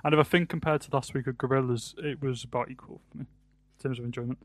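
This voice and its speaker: Podcast co-host: British man, early 20s, th-fronting to f, halting casual delivery, dry recording. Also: medium pitch, fairly even intonation, dry recording. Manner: th-fronting, says th as f; hesitant, self-correcting. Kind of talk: casual album review chat.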